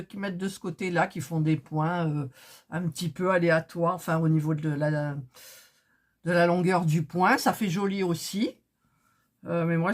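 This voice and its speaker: A woman talking her way through a crafting project in a casual vlog, thinking aloud and getting flustered when it goes wrong. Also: lowish voice. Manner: chatty, thinking aloud, gets flustered and exasperated. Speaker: craft vlogger.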